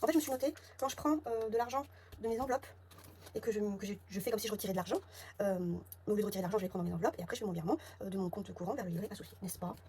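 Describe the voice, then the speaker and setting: A woman's voice: medium pitch, racing, warm tone. A woman with a southern French accent, a budget vlogger who thinks aloud and mutters sums and figures under her breath while counting her envelopes at home. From south of France. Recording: clear background noise with clicks.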